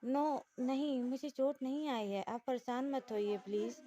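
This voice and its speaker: Storybook figure, soft polite young bride read by a woman, reassuring, highish voice. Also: measured pace.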